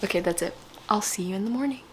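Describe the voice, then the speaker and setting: A young Filipino book vlogger whose first language is Cebuano gives a rambling, chatty bookshelf tour late at night. She talks fast in a mid-range voice, sounds tired, and often slips into a hushed, breathy tone. The recording is very noisy.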